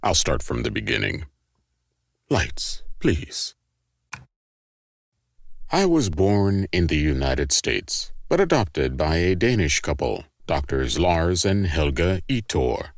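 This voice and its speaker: Deep-voiced man, deadpan janitor, animated intonation, dry recording. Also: dry recording. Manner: deadpan, measured storyteller. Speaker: janitor character in a sitcom. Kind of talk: sitcom acting.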